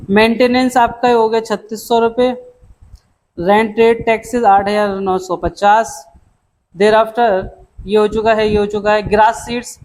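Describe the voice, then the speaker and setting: High-voiced male commerce tutor. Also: darkish tone, low-quality recording. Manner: brisk and chatty, addresses students as "beta" and "dost"; mixes English terms into explanations. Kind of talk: classroom lecture.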